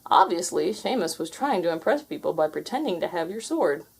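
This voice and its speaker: A woman's voice: fairly low pitch, big pitch swings, brisk, gravelly, husky, full character voice. A woman plays a mischievous male cartoon cat in a storybook character voice. He is wry and sarcastic, always ready with a wisecrack. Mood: smug.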